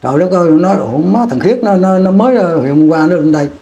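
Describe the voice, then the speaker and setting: A man's voice: sits high, lively intonation, fast talker, warm tone, dull audio. A man, recalling his war years in an interview, rambling and repeating words as he restarts sentences. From Vietnam. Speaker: veteran interviewee. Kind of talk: oral history war recollection.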